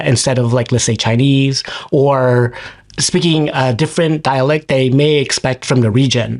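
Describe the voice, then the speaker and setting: A man from California who now lives in China, speaking as a guest on a podcast in a thoughtful, reflective way, with frequent ums and restarts. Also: mid-range voice. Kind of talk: reflective conversational talk. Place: living in China.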